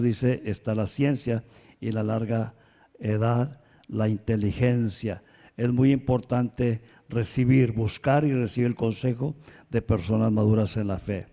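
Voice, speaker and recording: A male pastor preaching a sermon in a lively way, moving between soft asides and loud emphatic passages and often checking in with the congregation. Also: mid-range voice. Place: church sanctuary. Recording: long reverb of a church hall.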